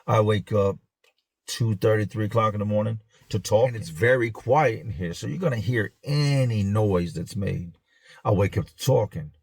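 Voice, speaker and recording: A man's voice: fairly low pitch, moderate pace, darkish tone, breathy edge, no echo, clean studio sound. A man hosting a show, telling a story in blunt street slang in a casual, easygoing way. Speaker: host.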